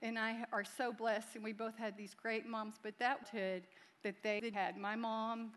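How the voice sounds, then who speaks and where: A woman's voice: fairly high pitch, little pitch movement, unhurried. A middle-aged woman, the pastor's wife, speaking to a congregation in a chatty, heartfelt way. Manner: chatty, warm, laughing, heartfelt. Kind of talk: church talk. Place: large church. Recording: long hall reverb.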